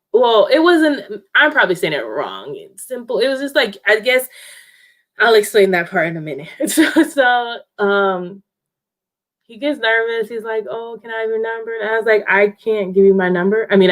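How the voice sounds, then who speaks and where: Animated sounding young woman telling a story. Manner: animated, laughing often, quotes people in higher voices. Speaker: vlogger. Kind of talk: casual storytelling to viewers.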